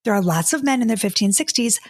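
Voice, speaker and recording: A dating coach in her fifties hosts a casual solo podcast in a loose, exasperated, chatty way, stumbling over restarts as she reads comments aloud and answers them. She talks fast and expressively, her voice sitting a little high with a slight husky edge. The recording is dry and close, with no room sound.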